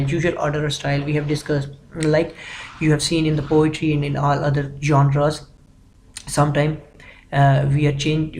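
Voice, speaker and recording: A man's voice: a little high, darkish tone, a little hiss or hum, low-quality recording. A man giving an explanatory grammar lecture, methodically working through examples and repeating phrases. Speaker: English grammar teacher.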